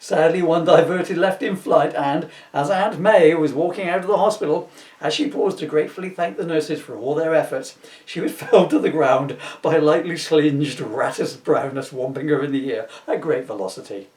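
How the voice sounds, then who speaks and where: A middle-aged man with a somewhat high, darkish voice reads aloud at a moderate pace from his own comedy book, adding chatty asides. Giggly and jokey, he is easily tickled and keeps interrupting himself. The camera microphone sits at some distance, giving a roomy echo.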